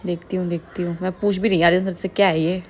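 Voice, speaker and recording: A woman's voice: on the low side, level tone, fast talker, darkish tone. Young woman vlogger from India, casual voice-over, chatty, laughs often.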